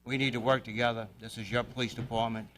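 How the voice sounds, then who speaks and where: A man, a police chief giving an earnest, deliberate public address in a city council chamber. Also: mid-range voice, level tone, a bit bright, slight background noise. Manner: earnest, deliberate, plain-spoken.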